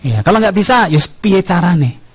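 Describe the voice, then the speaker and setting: A male preacher with a Javanese accent delivers a light, humorous sermon in a husky, slightly raised voice. He tells lively stories and keeps tossing "ya kan?" back at his listeners. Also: sits high, normal speed.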